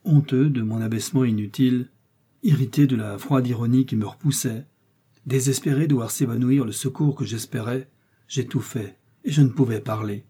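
A man reading a story aloud in a grave, steady narration. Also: mid-range voice, moderate pace, slightly rough. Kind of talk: audiobook reading.

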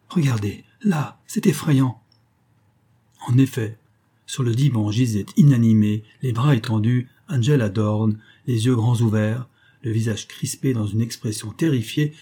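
A man reading a novel aloud as an audiobook narrator in a measured, storytelling way. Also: mid-range voice, dark tone, breathy edge. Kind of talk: scripted narration.

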